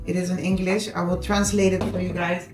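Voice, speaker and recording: She's a Dutch cooking vlogger, an adult with kids whose first language is Dutch, speaking fairly quickly in a fairly low, level voice with a Dutch accent. While cooking in her home kitchen in the Netherlands, she chats with viewers directly and sprinkles in Dutch words, over background music and kitchen echo.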